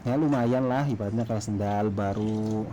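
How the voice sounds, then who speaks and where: A man tells a story casually to camera, halting and hesitant as he goes. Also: fairly low pitch, noisy background. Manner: hesitant, halting delivery with throat-clearing. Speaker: food vlogger telling a story.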